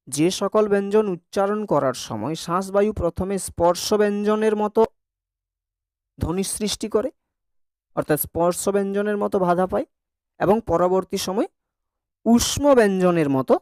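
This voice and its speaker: A man's voice: high-pitched, a little mellow, dry recording, clean studio sound. Male teacher drilling pronunciation. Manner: repeats words to drill pronunciation; asks the class checking questions. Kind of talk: classroom lesson on Bengali grammar.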